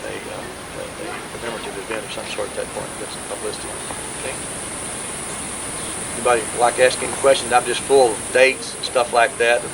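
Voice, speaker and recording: A man, talking informally to relatives at a family gathering in a rambling way with many pauses, heard on an old VHS home video. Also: on the low side, heavy background noise. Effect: old VHS home video sound. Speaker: family historian speaking at a birthday gathering.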